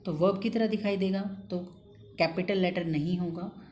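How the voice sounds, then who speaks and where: A woman's voice: lowish voice, steady tone, moderate pace, darkish tone, slight background noise. A woman teaching an English grammar lesson in a patient, coaxing way, repeating key points and checking in with her students after each one.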